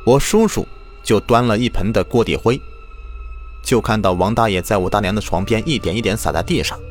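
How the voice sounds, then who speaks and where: A man narrating a listener's ghost story as the show's storyteller host, acting out the shouted lines. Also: fairly low pitch, brisk. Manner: lively, acts out quoted shouts. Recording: faint music underneath.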